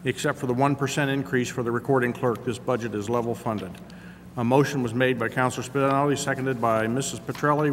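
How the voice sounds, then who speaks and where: A man in his fifties, a town councilor reading meeting minutes aloud at a desk microphone. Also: mid-range voice. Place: large indoor council chamber. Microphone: gooseneck desk microphone. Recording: echoey council chamber with noise.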